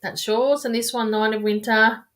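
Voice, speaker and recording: This woman's voice sits on the high side, steady in tone and fairly bright, at a moderate pace, with a little hiss or hum in the audio. She's giving easygoing tarot readings on a live stream through a webcam or phone mic, chatting fondly with viewers and rambling, restarting sentences as she talks.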